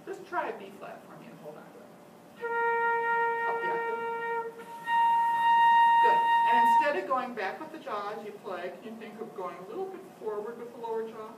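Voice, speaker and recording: A woman's voice: on the high side, lively intonation, fast, hardly any pauses, over loud music. An older woman teaching a flute master class, giving encouraging instructions and frequent praise. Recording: echoey room, distant mic, loud noise.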